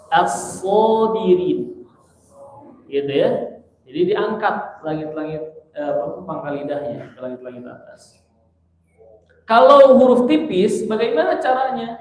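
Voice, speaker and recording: A man's voice: high-pitched, a little hiss or hum. A middle-aged man teaching Quran pronunciation, patiently repeating letter sounds to demonstrate them. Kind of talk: tajwid lesson with spoken demonstrations. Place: large mosque hall. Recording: very echoey mosque hall.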